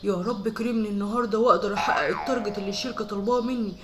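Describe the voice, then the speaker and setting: A woman voicing a fast-talking Egyptian dad. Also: medium pitch, steady tone, fairly bright tone, a little hiss or hum, natural voice. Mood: muttering prayers. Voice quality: rapid-fire chatter. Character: busy hardworking father, pious and impatient. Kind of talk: dubbed family skit.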